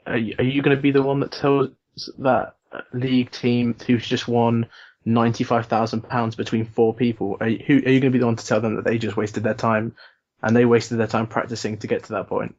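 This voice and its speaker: A British-accented man in a casual podcast chat who argues his points with earnest conviction. His pitch is ordinary and middle. The audio is dull and muffled, like a voice coming through an online call. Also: level tone, fairly quick, a little mellow. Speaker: co-host.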